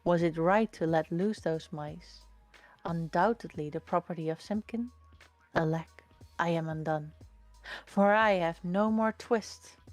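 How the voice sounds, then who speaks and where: A woman voicing a poor, anxious old male tailor in a storybook, lamenting in a hushed, half-whispered voice. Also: fairly low pitch, measured pace, soft background music, lightly acted.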